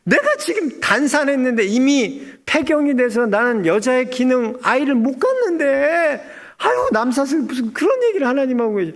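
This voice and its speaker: A man's voice: extremely high pitch, big pitch swings, moderate pace, hardly any pauses, voice pushed up, heavily acted. A pastor, a man, voicing an older woman who scoffs and exclaims in disbelief during a sermon. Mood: scoffing. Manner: exclaiming, incredulous.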